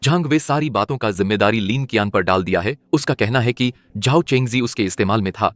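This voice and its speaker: A man's voice: fairly low pitch, fairly quick, dry recording, lightly acted. A man dubbing a protective uncle who warns and reassures his niece. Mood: worried. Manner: earnest, reassuring. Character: protective uncle, steady and caring. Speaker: dub actor. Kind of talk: Hindi drama dub.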